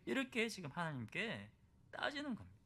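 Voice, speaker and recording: Male pastor, Sunday sermon, high and very animated delivery, keeps putting rhetorical questions to the congregation. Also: fairly quick, breathy edge. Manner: acts out biblical voices in quotes. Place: church service.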